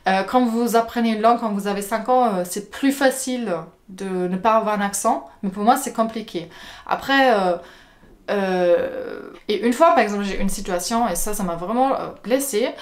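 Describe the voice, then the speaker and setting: A vlogger from Germany with a German accent and a mid-range voice casually tells personal stories to camera at a moderate pace. She speaks to her viewers with many hesitations and repeated words.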